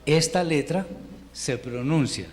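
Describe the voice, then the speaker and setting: A man's voice: on the high side, a little mellow. Patient male Hebrew teacher, faint hiss. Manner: patient, explains step by step with pauses and restarts. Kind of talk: informal language lesson. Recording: faint background noise.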